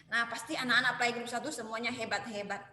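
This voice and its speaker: A woman preschool teacher tells a story to young children over a video call, full of exclamations and a sing-song lilt. Her voice is high and very bright. A long reverb hangs on her words, as in a big bare room. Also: fairly even intonation, a little fast, slight background noise. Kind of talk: storytelling lesson for young children in an online class.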